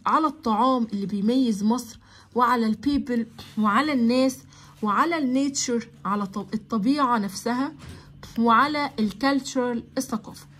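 Egyptian woman teacher, young, high husky voice, slow English and fast Arabic explanations. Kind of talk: classroom lesson explaining English grammar.

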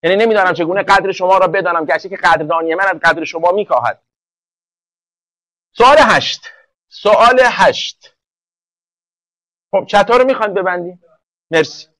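A male English teacher giving an online class lecture. He fires quick questions at the class, often answers them himself, and slows down to spell out example sentences. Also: sits high, fairly bright tone, no echo, poor audio.

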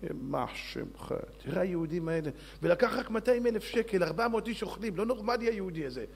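Animated rabbi telling a lively tale. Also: male voice, high-pitched, breathy edge. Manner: animated, dramatic storyteller who acts out characters. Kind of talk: storytelling lesson.

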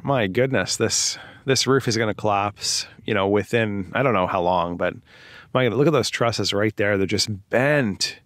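A man's voice: lowish voice, measured pace, a bit bright, no room sound. A man giving casual, conversational walking commentary as a travel vlogger, outdoors among ruins. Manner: chatty and conversational, with filler like "you know" and "like".

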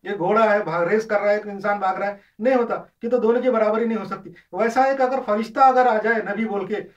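A man with a high, brisk voice teaches an informal religious lesson, using examples and frequently stumbling or starting over. He's a religious lecturer, and the audio is dull, distant lo-fi.

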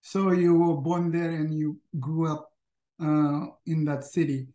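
Guy hosting an interview, kinda high voice, echoey room, lots of ums. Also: flat delivery, dark tone. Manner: halting, frequent fillers. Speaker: host. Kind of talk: interview questions. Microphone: video call. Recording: roomy echo on call.

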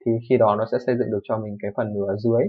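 A young man rattles through a coding lesson at a fast clip. He keeps it casual, often checking in with his listener and fixing his own slips as he goes. The recording sounds dull and lo-fi. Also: on the low side, flat delivery, breathy edge. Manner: fast, informal explaining with frequent "đúng không" checks and self-corrections. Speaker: programming teacher. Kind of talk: screen-recorded coding tutorial. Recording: dull lo-fi microphone.

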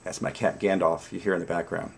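A man in his forties chatting casually to camera in a savoring way, pausing between puffs on a pipe. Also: low voice, steady tone, vocal fry, slight background noise. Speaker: pipe-smoking vlogger. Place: small dim room at home, indoors.

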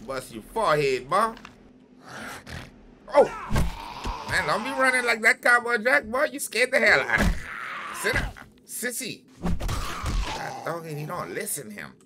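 A man doing loud, excitable let's-play commentary, trash-talking enemies in the game. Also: sits high, measured pace, pauses often, noisy background. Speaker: gaming channel host.

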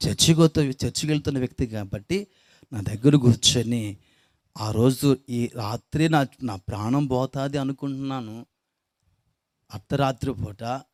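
A man's voice: medium pitch, darkish tone, dry recording, studio quality. A pastor telling his own life testimony with emotion, his voice climbing when he is moved. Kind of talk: spoken testimony.

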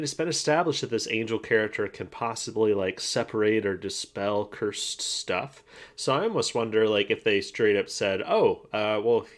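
A man's voice: lowish voice, a bit bright. A man co-hosting a casual podcast, rambling and laughing often with plenty of fillers and restarts. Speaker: podcast co-host. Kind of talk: casual chat.

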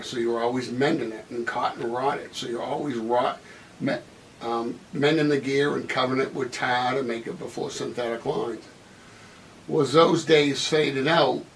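A man's voice: mid-range voice, a bit bright. A man talking casually in an interview, rambling with restarts and corrections. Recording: distant mic with faint noise.

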